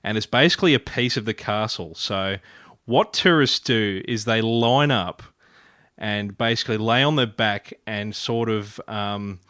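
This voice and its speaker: A man's voice: fairly low pitch, a little slow, bright, forceful tone, no echo. Playful man, dry close sound. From Ireland. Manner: playful, rambling. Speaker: podcast host. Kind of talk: casual chat.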